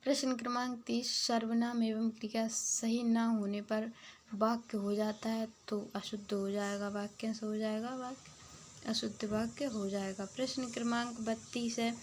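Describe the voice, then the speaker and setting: A woman teacher with a higher voice reads out exam questions and then explains each answer. She drops into a soft whisper now and then. A faint background hum sits under the recording. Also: little pitch movement, a little slow.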